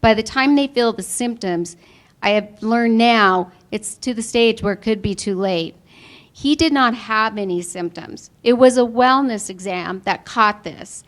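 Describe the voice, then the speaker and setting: A woman's voice: fairly high pitch, measured pace. A woman giving an earnest personal testimonial to an audience, her voice sometimes tearful. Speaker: insurance member giving a testimonial. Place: before a live audience.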